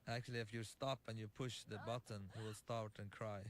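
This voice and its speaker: A man giving developer commentary on his own game, halting and full of fillers and restarts. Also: lowish voice, level tone, slight background noise.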